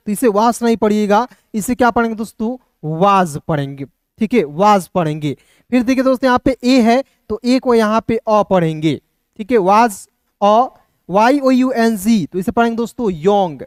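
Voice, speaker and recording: A man's voice: sits high, a little mellow, no room sound, clean studio sound. Repetitive male tutor. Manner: repetitive, asks and answers his own questions. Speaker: English teacher. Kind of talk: beginner phonics lesson.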